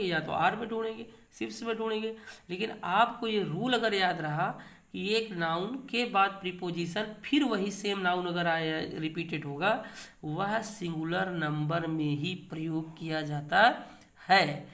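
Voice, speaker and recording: A man's voice: high voice, fairly bright tone. Man giving an emphatic grammar lecture. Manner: quizzes students with rhetorical questions and repeats key words; emphatic, drawn-out reading of example sentences. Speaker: English grammar teacher. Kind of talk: classroom lecture.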